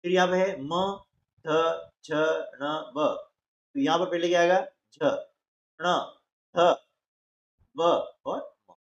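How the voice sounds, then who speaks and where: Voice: mid-range voice, fairly even intonation, roomy sound, lo-fi sound. A teacher talking through a workbook lesson one step at a time, asking questions and answering them, and often checking in with short tags. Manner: slow, explains step by step, asks and answers its own questions; often adds "है ना" and "ठीक है". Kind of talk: classroom lesson walkthrough.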